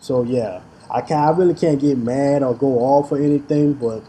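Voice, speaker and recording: A man with a very dark, mellow voice talks straight to his audience in a casual vlog. He stumbles and repeats words as he goes and turns defiant when he calls out his critics. A faint noise sits under his voice. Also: mid-range voice, moderate pace. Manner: stutters and restarts phrases; defiant, challenging tone toward critics. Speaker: YouTube vlogger and figure collector.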